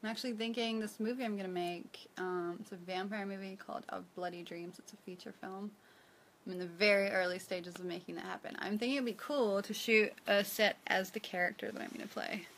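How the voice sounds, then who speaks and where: A young livestream host from New Zealand answers viewers casually from a small room, reading their comments aloud and giggling frequently into a phone held at arm's length. She talks fairly quickly in a steady tone, her medium-pitched voice a bit bright. There's a little hiss or hum.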